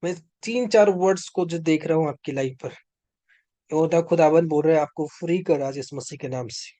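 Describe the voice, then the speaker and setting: A preacher leads an online prayer session by video call, delivering a charismatic sermon with prophecy, forceful and fervent, punctuated by outbursts of tongues. He speaks at a moderate pace in a mellow, fairly high voice, and the recording is dry.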